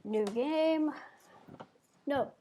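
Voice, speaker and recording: A woman's voice: high-pitched, drawn-out words, noisy background. A woman live-streaming a game, chatting casually with her viewers in a playful, silly, bubbly way.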